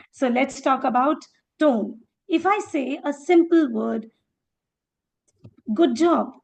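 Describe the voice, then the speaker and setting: A woman teaching a speaking workshop in a fairly high voice with a gravelly edge. She calls on participants one by one, praises them, and acts out sample phrases to show each tone. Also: darkish tone. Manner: encouraging, calls on participants by name; demonstrates tones by acting out phrases. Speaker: workshop educator.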